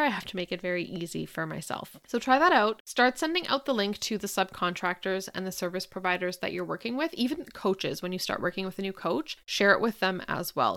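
A woman's voice: medium pitch, a bit bright. A woman with a mid-range voice hosts a solo advice podcast. She addresses the listener directly in an upbeat, friendly manner, laying out her points tidily and informally, step by step. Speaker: podcast host and business coach.

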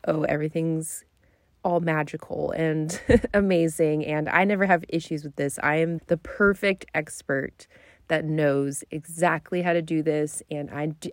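A woman with a slightly low voice talks as a solo podcast host. Her delivery is informal and candid, like a conversation. The sound is dry and enclosed, recorded inside a closet. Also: a little mellow, dry recording. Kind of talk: casual solo podcast talk.

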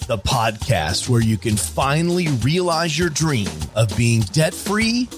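A man reading a scripted show intro in a lively announcer delivery. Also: medium pitch, measured pace. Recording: voice over drum music. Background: drum music.

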